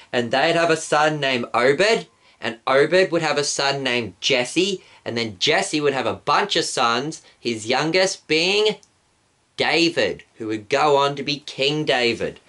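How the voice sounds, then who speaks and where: A male pastor calmly telling a Bible story for children and explaining it step by step. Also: mid-range voice, takes it slowly. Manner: calm, explanatory, acts out shouts.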